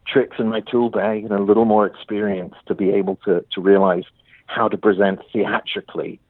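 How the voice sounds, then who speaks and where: A man's voice: on the low side, level tone, fairly quick, no room sound. A male playwright being interviewed, speaking thoughtfully with many restarts over a phone line. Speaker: playwright guest. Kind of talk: interview conversation.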